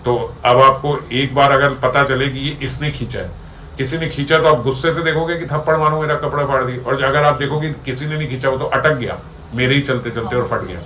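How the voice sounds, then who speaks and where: A man's voice: mid-range voice, normal speed, pushed and bright, a little hiss or hum. Man giving an echoey spiritual talk. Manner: conversational, explains with everyday examples, checks listeners follow. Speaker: spiritual teacher. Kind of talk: devotional discourse. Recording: echoey room with faint ambience.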